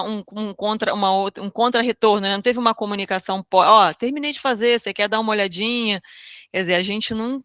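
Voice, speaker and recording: A woman with a smooth, resonant voice talks in a thoughtful, halting way and restarts her phrases. The sound is dry and close. It is a casual chat among book club members. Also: mid-range voice, a bit bright, dry recording. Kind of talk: casual group video call chat.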